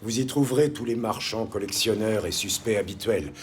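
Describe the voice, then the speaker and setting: An actor playing a boss who briskly hands out orders with slight hesitations in a film drama. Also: male voice, on the low side, a little hiss or hum, lightly acted. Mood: commanding.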